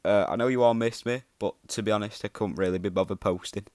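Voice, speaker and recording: A man casually introducing his video in a low-key, unbothered, mumbly way. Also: fast talker, darkish tone, no echo, studio quality. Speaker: video creator.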